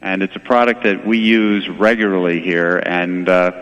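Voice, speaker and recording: A man's voice: low voice, fairly even intonation, moderate pace, fairly bright tone, clean tone, long reverb tail, highs cut off. A man giving explanatory sales talk as an expert guest in a radio interview. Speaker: window and door company expert, guest.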